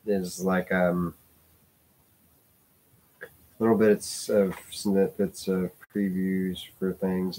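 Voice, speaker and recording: A man's voice: low voice, warm tone, slight background noise. A man talking casually in a rambling vlog, full of hesitations and restarts, with the odd swear word. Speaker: vlogger.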